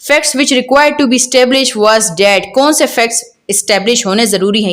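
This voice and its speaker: Speaking in a voice on the high side, a woman with a Pakistani accent delivers a law lecture meant to explain. She reads passages and paraphrases them didactically, frequently asking questions to make sure listeners follow.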